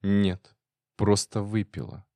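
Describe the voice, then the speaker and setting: A man with a low voice reading the lines of a cool, defiant actress wife in an audiobook, in a calm, cold tone. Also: measured pace, no room sound, studio quality. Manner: cold, calm, then sharp.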